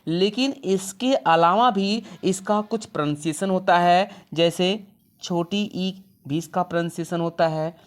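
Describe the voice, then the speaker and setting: A woman teaching an English lesson in a classroom style, asking questions and answering them herself, and drawing out example words slowly. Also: lowish voice. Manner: slow, drawn-out words when spelling out examples.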